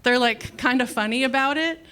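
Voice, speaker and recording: High-voiced wry woman comic on stage. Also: sharp tone, smooth. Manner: wry, self-deprecating, acts out quick dialogue. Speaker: stand-up comedian. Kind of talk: stand-up comedy set. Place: comedy club stage.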